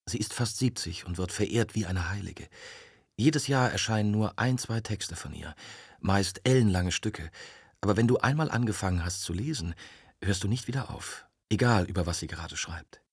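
A man's voice: on the low side, moderate pace, slightly rough, dry recording, clean studio sound. A man voicing a stubborn young woman journalist who presses and pleads insistently, in an audiobook. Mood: pleading. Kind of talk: audiobook dialogue.

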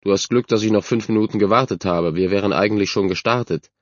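Man playing a storybook camp counselor, low dry voice, brisk and friendly, dull sound. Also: no echo, close to an everyday voice. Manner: businesslike, friendly.

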